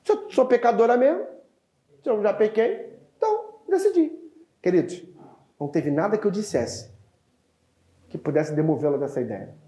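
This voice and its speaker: Man, pastor, sermon, very high voice, acts out dialogue, echoey church room. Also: moderate pace, long pauses. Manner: animated storytelling, acting out dialogue, often addressing "queridos".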